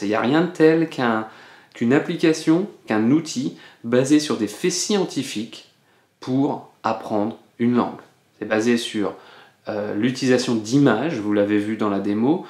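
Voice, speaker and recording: A man's voice: mid-range voice, darkish tone. A man teaching French in a casual video lesson, explaining patiently with frequent hesitations. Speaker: French teacher, channel host. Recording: roomy echo.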